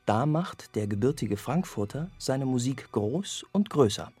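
A man reading a scripted radio review of an orchestral album in a measured, evaluative way. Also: mid-range voice, animated, dark tone, breathy edge. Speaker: music critic.

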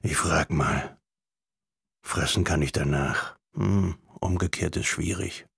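Male narrator as an old, wise leopard: very deep, gravelly, unhurried. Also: fairly bright tone, no room sound, clean studio sound, heavily acted. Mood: musing. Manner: slow, deep, grumbling. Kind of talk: audiobook reading.

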